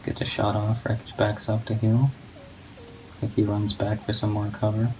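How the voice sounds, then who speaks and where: A man giving low-key, monotone play-by-play commentary on a competitive match as a guest commentator. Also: moderate pace. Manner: not much of a talker. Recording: steady background noise.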